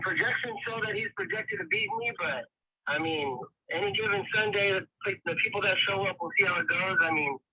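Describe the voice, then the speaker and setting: A man's voice: high voice, pushed and bright, breathy edge, dry recording. A man calling in on speakerphone as a guest caller, chatting casually and hedging with "I mean" between thoughts. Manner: laid-back, hedging with "I mean". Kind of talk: casual chat. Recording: thin phone line on speaker.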